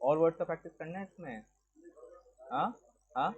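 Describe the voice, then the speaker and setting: Male teacher, raised pitch, quizzes the room in mixed Hindi and English, muffled lo-fi classroom recording. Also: moderate pace, husky. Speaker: lecturer. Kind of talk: classroom lecture. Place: classroom with a board.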